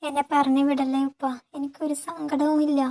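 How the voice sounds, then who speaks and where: A woman voicing a gentle, patient young wife who pleads and sobs. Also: high-pitched, flat delivery, moderate pace. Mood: sobbing pleading. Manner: pleading and sobbing.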